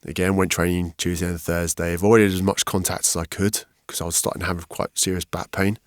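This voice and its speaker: A man, a podcast guest, telling his story candidly and frankly, getting animated when he quotes other people. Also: low-pitched, a little fast, dry recording, studio quality. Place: podcast studio.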